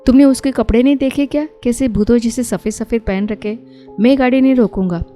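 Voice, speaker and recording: A woman's voice: fairly high pitch, a little fast, warm tone, soft background music, close to an everyday voice. Woman voicing a joking young husband. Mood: mocking. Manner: teasing, brash. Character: young married man, joking, boastful husband.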